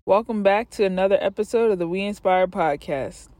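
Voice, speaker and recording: A woman's voice: medium pitch, brisk, a little mellow, soft background music. A woman hosting a podcast, introducing her guest and affirming her answers. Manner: encouraging, affirming. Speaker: podcast host. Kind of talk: podcast interview.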